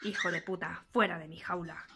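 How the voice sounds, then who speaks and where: A woman's voice: lowish voice, steady tone, fairly quick, very noisy, pitched below the performer's own voice, lightly acted. A woman with a Spain Spanish accent voicing a foul-mouthed, territorial male pet bird who swears and threatens. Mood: furious.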